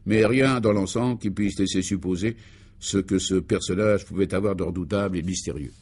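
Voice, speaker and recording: A man giving deadpan, matter-of-fact narration for a radio serial. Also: sits low, brisk.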